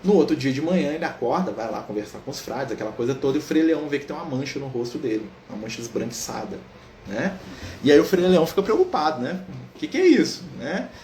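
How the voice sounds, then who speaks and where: Fast-talking man telling a spiritual story. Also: mid-range voice, animated, a little mellow. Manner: storytelling, frequent "né?" tags, acts out dialogue. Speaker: spiritist study leader. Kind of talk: informal spiritual lecture. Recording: echoey room with faint background noise.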